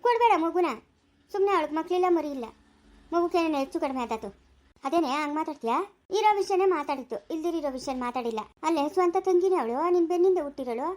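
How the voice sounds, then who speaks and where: A woman's voice: sits high, very fast, darkish tone. A woman with a rural Chikkaballapura Kannada accent acting in a family drama skit, speaking in a scolding, quarrelsome way. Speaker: actor in a family village skit. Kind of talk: acted domestic drama dialogue.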